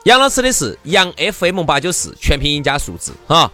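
A man's voice: a little high, wildly swooping pitch, a little fast, pushed and bright, soft background music. A man with a Sichuan accent co-hosting a talk show, joking and chipping in with casual comic banter. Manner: joking, interjecting.

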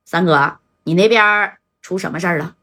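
A woman voicing a male gang boss who fires off sharp, alarmed questions. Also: lowish voice, brisk, voice pushed down.

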